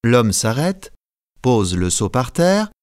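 A man narrating an audiobook in a calm, measured reading style, recorded close on a studio mic. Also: mid-range voice, no echo.

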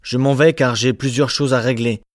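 Actor as a stern middle-aged ex-convict, calm grave delivery, dry close sound, storybook drama. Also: male voice, mid-range voice, normal speed, no echo, natural voice. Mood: grave resolute. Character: former convict turned mayor, grave middle-aged man. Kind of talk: dramatized audiobook reading.

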